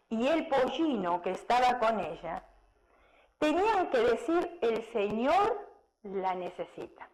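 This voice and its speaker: High, lively woman preaching. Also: low-quality recording. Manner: animated storytelling with rhetorical questions to the congregation. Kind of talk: sermon with personal anecdotes.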